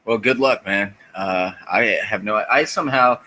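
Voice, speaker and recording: A man's voice: fairly low pitch, moderate pace, sharp tone, low-quality recording. A man in his thirties, a podcast host chatting casually in a rambling, profane, self-deprecating way. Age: 30s. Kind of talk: casual chat.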